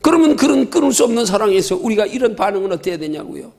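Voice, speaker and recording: A middle-aged male pastor with a high-sitting, gravelly voice leads a Bible study at a quick pace, very animated. He's emphatic and full of rhetorical questions, at times shouting.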